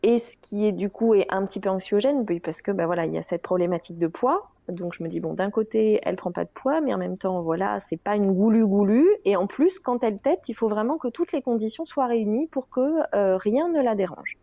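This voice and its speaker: A woman's voice: mid-range voice, animated, fairly quick, few pauses, dry recording. Woman in her 30s talking with lots of euhs, self-mocking jokes, dull dry audio. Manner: hesitant, many fillers, wry self-mocking humor. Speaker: guest. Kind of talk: candid interview. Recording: slightly dull dry recording.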